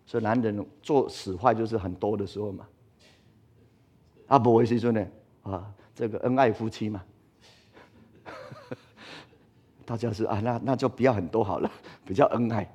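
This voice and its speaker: A man preaching from the pulpit in a husky, slightly rough voice. He presses his points with rhetorical questions and answers them himself, swinging between loud emphasis and quiet asides. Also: on the low side, normal speed, long pauses. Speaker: pastor. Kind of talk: sermon.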